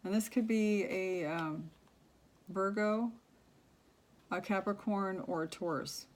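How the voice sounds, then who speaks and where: A soft-spoken woman giving a tarot reading, talking low and halting with many fillers. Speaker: tarot reader.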